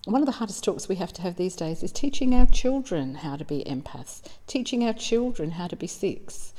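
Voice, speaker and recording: Aussie woman chatting about spirit stuff, low mellow voice, lots of "you know". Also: lively intonation, moderate pace. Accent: Australian. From South Australia. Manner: warm storytelling, chatty with fillers. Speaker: psychic medium. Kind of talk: informal spiritual talk. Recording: long reverb.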